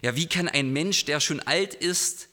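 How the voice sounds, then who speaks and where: Man putting on a puzzled old male teacher, incredulous questions, bright tone, long church echo. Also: on the high side, a little slow, pitched above the performer's own voice. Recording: long hall reverb in a church.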